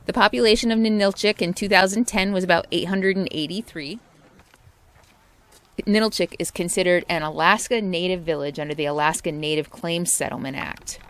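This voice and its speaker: Chatty low-voiced woman travel vlogger. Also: a bit bright, clear, resonant tone. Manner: chatty, reads out history notes with small stumbles. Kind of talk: casual travel vlog narration.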